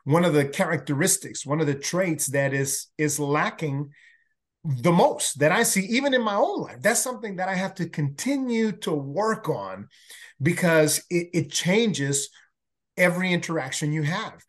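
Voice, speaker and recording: As a guest on a podcast, a workplace learning consultant from El Salvador, a native Spanish speaker with a faint Salvadoran accent, chats casually and earnestly. His voice is a little high and expressive at a moderate pace, and he often restarts his words.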